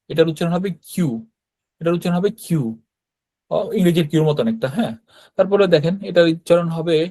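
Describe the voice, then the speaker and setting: A man's voice: a little high, a little mellow, no room sound. Man teaching in Bengali, dry close sound. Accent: Bangladeshi Bengali. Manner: explains patiently, often checks in with "right?". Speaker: Japanese language teacher. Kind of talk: online class with screen sharing.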